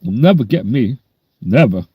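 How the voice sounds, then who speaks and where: A man's voice: medium pitch, sing-song, moderate pace, husky, no echo, muffled recording. A man, chatting bluntly and rambling on a livestream. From New York. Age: 60s. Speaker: livestream host. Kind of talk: casual livestream chat.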